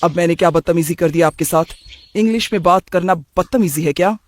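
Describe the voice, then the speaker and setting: A man's voice: fairly high pitch, brisk, close to an everyday voice. A man voicing a careless young office-going son who talks in a casual, dismissive way in a cartoon story. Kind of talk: cartoon voice acting.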